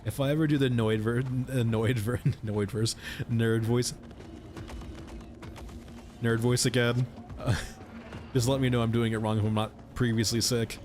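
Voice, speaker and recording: A man's voice: mid-range voice, steady tone, unhurried, long pauses, a little mellow, a little hiss or hum. Congested man rambling on a game stream. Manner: rambling, chatty, talks to chat. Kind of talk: casual gaming stream chat.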